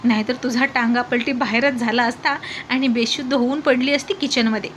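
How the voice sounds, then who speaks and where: A woman voicing an exasperated young husband who pleads and explains slowly in a storybook reading. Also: on the high side, fairly even intonation, slight background noise, close to an everyday voice. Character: exasperated young husband coaxing his wife. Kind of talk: storybook narration.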